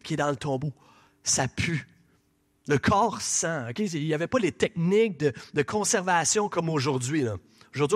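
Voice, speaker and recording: Animated Québécois preacher, high-pitched man. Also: slightly rough. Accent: Québécois French. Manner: animated, conversational preaching with audience asides. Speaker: pastor. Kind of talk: sermon. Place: church.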